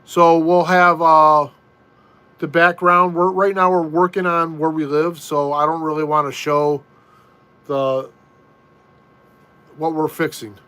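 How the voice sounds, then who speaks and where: A man's voice: on the high side, flat delivery, bright, forceful tone, clean tone. A middle-aged American man hosting a casual live stream from a room at home, reading viewer comments in an easygoing way and often restarting his sentences. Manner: easygoing, slow, repeats himself and restarts.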